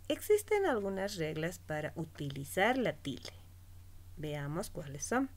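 A woman teacher slowly giving a spelling lesson to children, stretching out each example word. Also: lowish voice, very animated. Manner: slow, stretched-out teaching voice, pronouncing words syllable by syllable.

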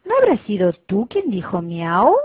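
A woman's voice: mid-range voice, very animated, a little slow, breathy edge, dry recording. Woman doing Lalo, an eager little puppy. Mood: curious. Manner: earnest, questioning. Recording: tinny phone-like recording.

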